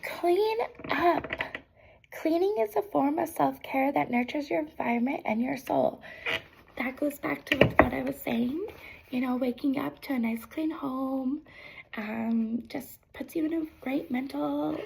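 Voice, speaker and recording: A woman with a voice affected by being sick gives a gentle, encouraging whispered ASMR pep talk, reading affirmations aloud with casual asides in an unhurried way. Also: high voice, creaky, a little hiss or hum, rough recording. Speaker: ASMR creator.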